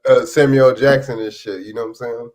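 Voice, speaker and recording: A man in a casual talk, laid-back and quick to laugh and agree, using plenty of slang. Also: mid-range voice, fairly even intonation, a crowd in the background. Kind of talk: casual discussion.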